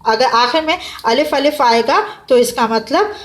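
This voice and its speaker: A woman teaching a class, patiently explaining and slowing down to spell out words for her students. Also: high-pitched, expressive. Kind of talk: classroom lesson.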